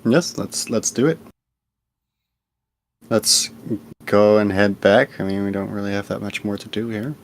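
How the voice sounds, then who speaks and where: A man with a fairly low voice jokes around as a player in a tabletop game, speaking slowly and easily. Faint background noise sits under his voice while he chats and laughs. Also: vocal fry. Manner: relaxed, joking, laughs often. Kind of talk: casual tabletop game chat.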